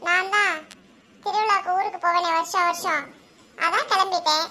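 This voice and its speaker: A woman's voice: very high-pitched, steady tone, normal speed, pushed and bright. A woman voicing a cheeky boy who teases and bosses his sister in a cartoon. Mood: teasing. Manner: bossy and mocking. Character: cheeky boy, teasing older brother.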